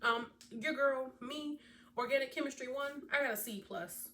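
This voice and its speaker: A woman's voice: high-pitched, normal speed. A woman in her twenties, a veterinary student, giving chatty, casual advice straight to her viewers. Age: 20s. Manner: chatty, animated, speaks directly to viewers. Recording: distant mic with faint background noise.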